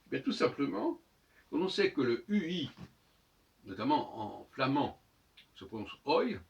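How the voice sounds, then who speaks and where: A man's voice: medium pitch, big pitch swings, unhurried, vocal fry. A man giving a spoken monologue lesson, teaching by repeating words over and over to sound them out. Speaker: lecturer on language and astrology. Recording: dull audio from a distant mic.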